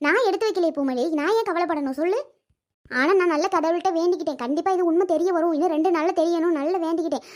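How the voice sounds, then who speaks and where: Brief: woman as a forgiving cartoon housewife, patient, fast and very high-pitched. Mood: explaining. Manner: patient, explaining herself at length. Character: calm village housewife, middle-aged, patient and forgiving. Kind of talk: Tamil village cartoon voice acting.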